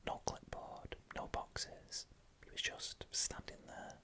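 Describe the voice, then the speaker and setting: An ASMR storyteller narrates scary tales entirely in a whisper. The sound is bright and sibilant, with no voiced tone underneath. The delivery stays hushed, like scripted bedtime horror. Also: takes it slowly. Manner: hushed, unvoiced whispering throughout.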